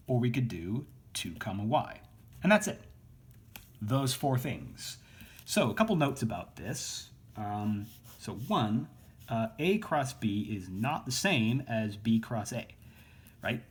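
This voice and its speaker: A man giving a casual recorded math lesson, explaining at an easy pace with lots of fillers and quick self-corrections. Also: mid-range voice, breathy edge. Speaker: math instructor.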